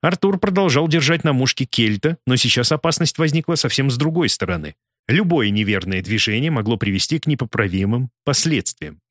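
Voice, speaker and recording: A man narrating a dramatic audiobook in an expressive, theatrical manner. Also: medium pitch, fairly quick, no room sound, studio quality.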